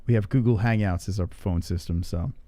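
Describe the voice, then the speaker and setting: A man's voice: lowish voice, brisk, dark tone, no room sound. A man hosting a call-in talk show, chatting casually and bluntly.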